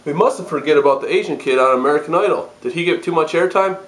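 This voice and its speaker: A man's voice: fairly high pitch, fast. A man delivering a scripted parody newscast as a mock-serious news anchor. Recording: roomy echo, distant mic.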